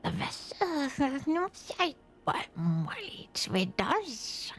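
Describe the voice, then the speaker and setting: A man voicing a creepy eyeless mutant in a whispered role-play, with an eerie breathy whisper. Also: very high-pitched, very animated, slow, voice pushed up, exaggerated voice.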